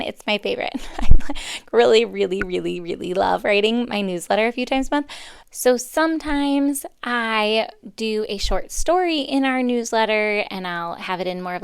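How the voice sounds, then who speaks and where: A woman's voice: medium pitch, creaky, fairly bright tone, clear, resonant tone, dry recording. A woman in her thirties hosting a solo podcast, talking in a rambling, chatty way and often correcting herself. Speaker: podcast host. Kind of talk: casual solo podcast talk.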